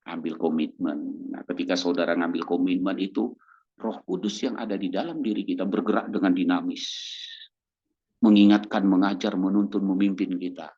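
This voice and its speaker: A man's voice: low-pitched, steady tone, normal speed, warm tone, breathy edge. A man preaching a sermon who acts out little dialogues as he goes. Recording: dull lo-fi recording.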